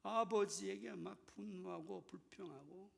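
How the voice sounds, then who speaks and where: A man preaching a sermon as pastor, dramatic, swinging between loud bursts and whispers and asking the congregation questions. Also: high-pitched, measured pace, gravelly, in a large hall.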